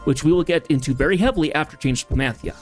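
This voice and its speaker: A man's voice: on the high side, quick pace, soft background music. A man streaming a game live, talking casually and rambling with fillers.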